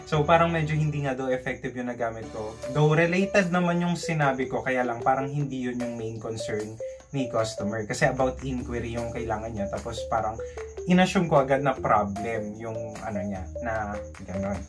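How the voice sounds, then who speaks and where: A young man with a Filipino accent telling a story casually in a vlog, in an animated way, acting out bits of dialogue. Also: mid-range voice, moderate pace, over music. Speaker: vlogger recounting call center training. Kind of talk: casual storytelling vlog, mixing Tagalog and English.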